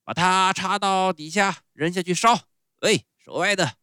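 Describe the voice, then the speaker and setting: A man voicing a gruff, bearded puppet-show master who blusters loudly but has a soft heart and keeps sneezing. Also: measured pace, no room sound, clean studio sound. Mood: blustering. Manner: loud booming scolding with stuttering sneezes.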